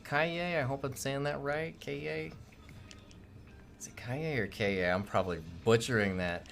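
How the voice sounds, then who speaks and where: A man's voice: medium pitch, a little slow, creaky, a bit bright, soft background music. A man co-hosting a gaming livestream, chatting casually and greeting viewers by name, often tripping over how to say them. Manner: upbeat, greets chat by name, stumbles on names. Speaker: streamer co-host.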